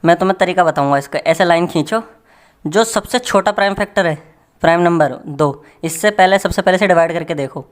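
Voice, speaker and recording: A male maths tutor with a fairly quick, high-sitting voice keeps up friendly, joking classroom patter. He's casual and chatty, talking to his students like they're his friends.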